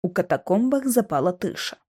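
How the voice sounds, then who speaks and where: A woman narrating an audiobook in a scripted, expressive reading. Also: mid-range voice, fairly quick, breathy edge. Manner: expressive reading that voices each character.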